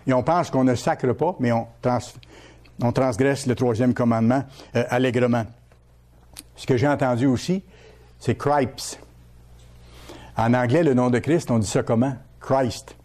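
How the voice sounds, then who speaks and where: Mellow pastor preaching. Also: male voice, mid-range voice, fairly even intonation, normal speed, long pauses. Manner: teaching, repeats key words and asks the listeners questions. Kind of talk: sermon.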